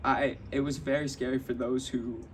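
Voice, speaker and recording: At normal speed and in a level, mid-range voice, a young podcast host recounts a personal story, candidly rambling, often restarting and acting out quotes. The recording catches him slightly off-mic amid faint ambient noise.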